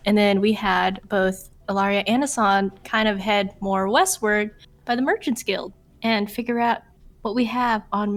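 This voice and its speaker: A woman casually recapping a tabletop game session, chatty and joking, laughing often. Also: medium pitch.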